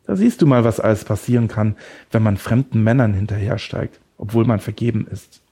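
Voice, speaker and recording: A man's voice: fairly low pitch, fairly quick, mellow, husky. A man voicing a deranged male woodcutter who holds someone captive, taunting and smug, then creepily tender. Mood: mocking. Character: deranged male woodcutter kidnapper, mocking and obsessive.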